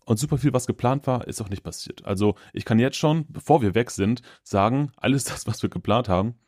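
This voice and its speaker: Chatting casually on his solo podcast from the office, this thirtysomething German host speaks fairly quickly in a medium-pitched, slightly mellow voice. He keeps things upbeat and relaxed, filling his talk with lots of fillers.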